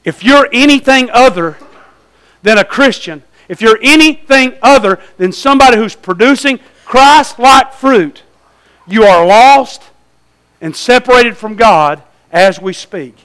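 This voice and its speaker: With an extremely high-pitched, bright, forceful voice, a Southern US preacher delivers a church sermon in a folksy, urging style. He leans on direct questions and repeated phrases, sounding expressive, smooth, and a little slow. The recording is low quality.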